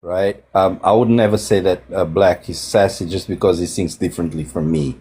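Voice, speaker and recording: A man's voice: sits low, normal speed, mellow, slight background noise. A man hosting a panel, speaking earnestly, stammering and repeating his points. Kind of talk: panel discussion.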